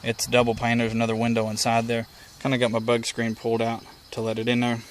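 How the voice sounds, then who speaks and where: Speaking quickly and with a completely flat delivery, this mid-range male hobbyist gives a casual, folksy, step-by-step walkthrough. The outdoor recording, made next to a house porch, carries clear insect and bird noise along with ambient sound.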